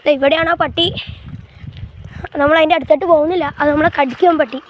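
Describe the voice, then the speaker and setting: On her bike by the fields and a canal, a woman records a casual walking-tour vlog on an old phone camera, with slight background noise. Her voice sits high with a steady tone; she hesitates, repeats herself and says "guys" constantly.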